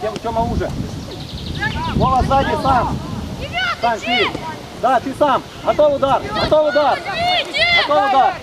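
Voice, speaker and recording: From the touchline of an outdoor football pitch, a man coaching a youth side shouts urgent, clipped, repetitive instructions and calls players by name during a match. His voice is extremely high and sing-song, a little slow, with long pauses, and he's far from the mic. Wind makes the recording loud and rough.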